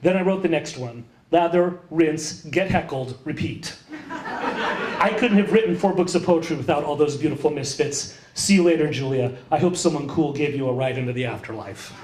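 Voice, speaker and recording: A man's voice: on the high side, moderate pace, darkish tone, roomy sound. A middle-aged man, a poet hosting a memorial reading, telling a wry, profane personal story to a live audience. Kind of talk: performed personal essay at a poetry reading. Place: small gallery room with a live audience.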